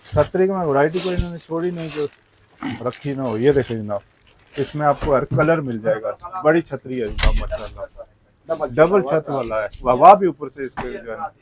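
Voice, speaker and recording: A man's voice: on the high side, lively intonation, moderate pace, a crowd in the background, low-quality recording. A Pakistani man vlogging a tour of a shop in the market, enthusiastic and polite, often calling his viewers "sir". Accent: Pakistani Urdu. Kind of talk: casual walk-through vlog.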